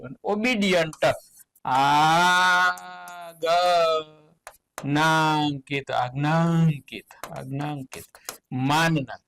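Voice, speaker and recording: Slow-spoken Gujarati English teacher. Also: male voice, slight background noise, low-quality recording. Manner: slow, explains words with spelled-out letters and playful asides; lively, jumps in pitch on key words. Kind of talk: exam solution lesson.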